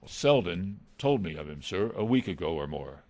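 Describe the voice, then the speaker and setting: In a radio mystery drama, a man voices an earnest, hesitant butler who is anxious, deferential, and dreading some villainy. His low voice is mellow and swings widely in pitch, at a normal pace, and the recording is dry. The mood is uneasy and deferential.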